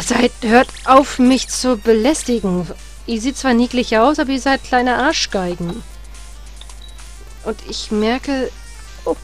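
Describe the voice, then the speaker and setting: A woman in her thirties talking chattily through a video game, reminiscing and cursing at the game. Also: on the high side. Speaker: let's player. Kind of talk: casual gameplay commentary. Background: faint game music.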